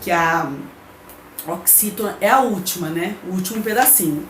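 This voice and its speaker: A woman's voice: on the low side, normal speed. A woman teacher with a Brazilian Portuguese accent, giving a recorded remote lesson. She reads the textbook aloud, explains it patiently and checks in with her pupils. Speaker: primary school teacher. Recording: echoey room with faint background noise.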